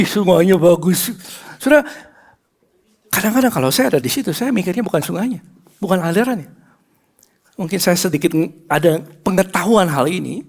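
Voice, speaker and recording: A middle-aged man preaching a sermon as pastor, swinging between loud emphasis and hushed whispers and calling on the congregation to answer. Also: high voice. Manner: asks the congregation call-and-response questions.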